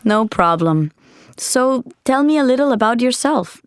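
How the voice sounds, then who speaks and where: A cheerful helpful skater. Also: female voice, on the high side, lively intonation, unhurried, smooth, dry recording. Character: young woman skater, helpful and upbeat. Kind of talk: scripted textbook dialogue.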